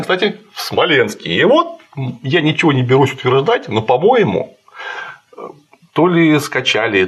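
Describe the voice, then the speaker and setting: A man's voice: mid-range voice, a bit bright, husky. A man chatting casually while critiquing a film, sarcastic and digressive. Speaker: co-host reviewing a film.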